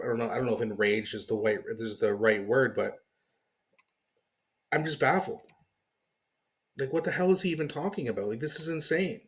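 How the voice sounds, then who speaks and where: A man hosting a reaction commentary show speaks in a mid-pitched, everyday voice. He rants with open exasperation, peppering his talk with swearing and incredulous questions, and addresses his viewers directly. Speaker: commentary channel host.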